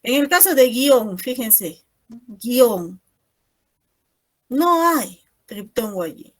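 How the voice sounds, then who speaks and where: A woman's voice: high-pitched, big pitch swings, a little slow. A woman teacher giving an online class over a video call, explaining patiently and ending most phrases with a questioning "no?".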